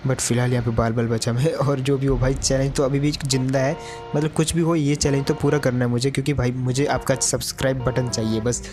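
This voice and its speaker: A man's voice: medium pitch, flat delivery, brisk, over music. A man giving chatty gameplay commentary to his viewers, calling them brother. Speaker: gaming YouTuber.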